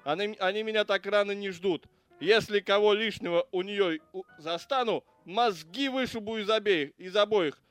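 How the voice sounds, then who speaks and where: A man's voice: high-pitched, moderate pace, fairly bright tone, clean tone, no room sound, faint music behind. A man reading the part of a foul-mouthed, grudging police officer who rants and curses about his stingy in-laws. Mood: angry. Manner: crude, ranting, cursing. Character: foul-mouthed grudging adult male cop. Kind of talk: audiobook character reading.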